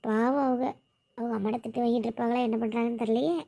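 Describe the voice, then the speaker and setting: A young woman, acting in a village family sketch with sharp, scolding banter. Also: on the high side, fairly even intonation, quick pace, gravelly.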